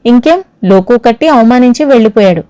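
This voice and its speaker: A woman's voice: on the high side, expressive, fairly quick, mellow, voice pushed up, lightly acted. A woman playing a heartbroken young woman. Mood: hurt.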